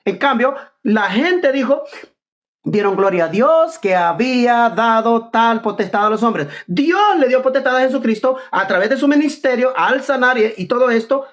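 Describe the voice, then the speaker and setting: Combative man debating with a lively voice. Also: very high voice, moderate pace. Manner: combative, repeats the opponent's name, rhetorical questions. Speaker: preacher in a debate. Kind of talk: heated online debate.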